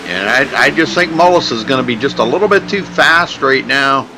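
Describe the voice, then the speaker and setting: A man's voice: medium pitch, animated, normal speed, background noise. A man working as a motorsport commentator, giving casual, chatty live commentary on a race.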